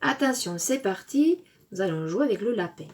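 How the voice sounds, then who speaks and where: A woman's voice: mid-range voice, animated, noisy background. A woman with a French accent teaching a phonics lesson to young children, stretching out syllables and praising often. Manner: drawn-out syllables, encouraging praise.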